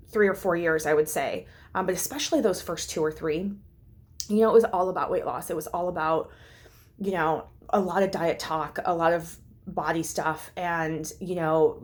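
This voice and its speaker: Heartfelt rambling woman vlogger. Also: lowish voice. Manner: rambling, heartfelt, many fillers and restarts; close to tears at times. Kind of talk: casual vlog update.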